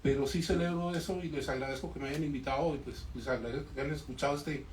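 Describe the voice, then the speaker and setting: At a bookshop event, a Colombian man in the audience makes an emphatic, storytelling comment packed with rhetorical questions, speaking fast in a steady, mid-range, slightly mellow voice. His spontaneous remarks are captured by a distant room mic in an echoey space with faint noise.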